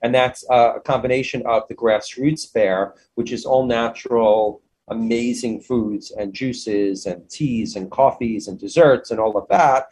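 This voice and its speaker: A man's voice: mid-range voice, unhurried, hardly any pauses, darkish tone, husky, low-quality recording. A man speaking as an interview guest about his own business in an enthusiastic, effusive, conversational way.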